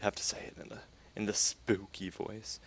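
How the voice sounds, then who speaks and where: A man casually commenting on his gameplay, thinking aloud in a relaxed way as he goes. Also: on the low side, brisk, husky. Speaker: gameplay video host.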